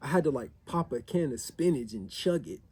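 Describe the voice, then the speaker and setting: A man's voice: mid-range voice, expressive, fairly quick, a little mellow, breathy edge, dry recording. A man casually chatting as a vlogger, telling a story in a rambling way with restarts. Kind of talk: casual chat.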